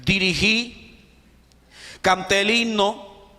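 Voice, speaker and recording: A Colombian man preaching a testimony as a pastor, telling the story in an animated way, acting out voices and swinging from shouts to hushed tones. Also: high-pitched, very slow. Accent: Colombian Caribbean Spanish. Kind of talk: sermon testimony. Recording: long hall reverb.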